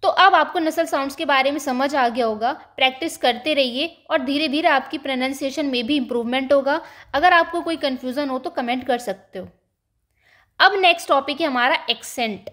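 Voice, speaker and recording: Woman, high voice, language teacher, slow drawn-out example words, lesson style. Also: fairly bright tone. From India.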